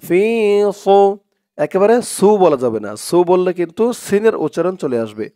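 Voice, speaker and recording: A man teaching Quran reading, spelling out Arabic words letter by letter and chanting them slowly for viewers to repeat. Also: high-pitched, very animated, warm tone. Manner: slow, patient drilling with drawn-out chanted recitation; addresses viewers directly as "dorshok".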